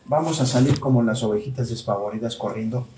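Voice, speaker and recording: A man's voice: medium pitch, quick pace, distant mic, background noise. A man preaching to a live audience, calling on them to answer and repeating phrases for emphasis. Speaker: teacher of a Torah study talk. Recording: echoey room, speaker away from mic, audience present.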